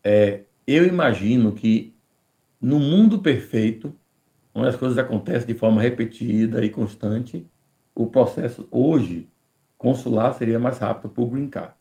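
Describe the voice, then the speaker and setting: On a live podcast, a man with a Brazilian Portuguese accent answers immigration questions in a measured, deliberate way, often restarting words. His voice is medium-pitched and warm, with some vocal fry.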